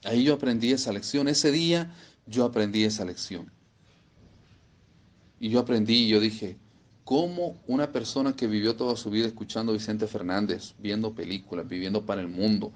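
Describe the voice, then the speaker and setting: A man's voice: on the low side, a little fast. A man preaching a sermon, emphatic and repeating phrases for stress.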